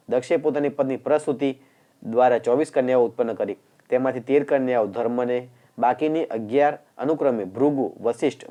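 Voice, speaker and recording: Man narrating scripture in a dark, mellow voice. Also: mid-range voice.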